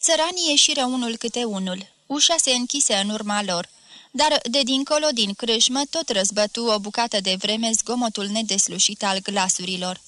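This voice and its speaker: A woman narrating a classic story, reading in a steady, measured way. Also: fairly high pitch, no echo.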